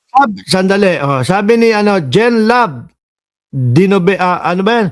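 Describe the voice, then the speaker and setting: High-voiced sarcastic Filipino commentator man. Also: a little slow. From Philippines. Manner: sarcastic, animated, scolding asides. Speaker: political commentator host. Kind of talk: reaction commentary reading viewer comments.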